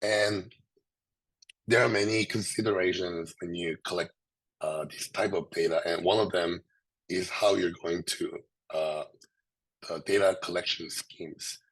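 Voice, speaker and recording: A man presents scientific material in a low, husky voice, thick and hoarse from a sore throat. His delivery is halting, with frequent pauses as he explains things. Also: fairly even intonation, a bit bright, rough recording. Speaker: presenter, researcher.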